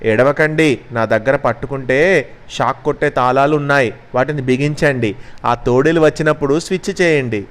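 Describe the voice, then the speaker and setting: Storybook ostrich giving calm advice, man doing the voice. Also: mid-range voice, moderate pace, lightly acted. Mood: advising.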